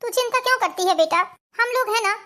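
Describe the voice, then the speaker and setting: A woman's voice: very high-pitched, quick pace, pushed and bright. A woman playing a worried, comforting middle-aged mother in a cartoon family drama. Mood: reassuring. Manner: comforting, calls everyone "beta".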